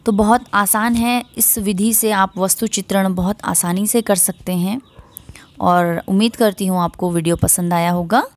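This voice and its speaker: A woman's voice: medium pitch, steady tone, moderate pace. A woman teaching a step-by-step drawing lesson, explaining each stroke patiently to her students and checking in with them as she goes. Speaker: art teacher.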